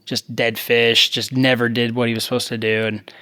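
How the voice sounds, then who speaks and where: A man hosting a podcast, telling a coaching story in a casual, animated way, laughing often. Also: medium pitch, moderate pace, clean tone. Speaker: podcast host and jiu-jitsu coach.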